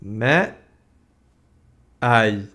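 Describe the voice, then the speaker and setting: A man's voice: lowish voice, lively intonation, extremely slow, sharp tone. A man casting an esports match live, with casual slangy play-by-play, exclamations and muttered repeated words. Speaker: esports caster commentating a tournament stream.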